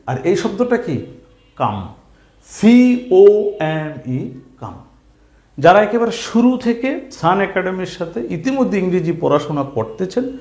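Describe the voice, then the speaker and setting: A man with a Bengali accent teaching a spoken English lesson, slowly drilling phrases and asking his class rhetorical questions. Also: high-pitched, darkish tone. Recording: echoey room.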